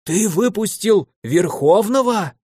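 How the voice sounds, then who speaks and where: A man doing a slow, growling old archmage. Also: fairly high pitch, animated, no room sound, studio quality. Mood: alarmed. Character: ancient irritable male archmage, stern and grumpy.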